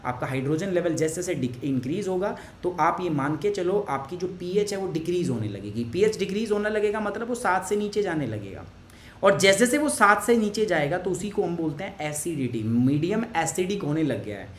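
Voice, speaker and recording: A man's voice: high voice, big pitch swings, brisk, roomy sound, a little hiss or hum. A male teacher explaining a science lesson to students. He keeps asking questions and answers them himself, slips English phrases into his sentences, and patiently goes over points again.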